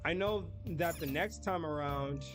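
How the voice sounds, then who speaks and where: A native English speaker streams a game and rambles casually to his viewers. His voice is fairly high and his pace measured, with music in the background.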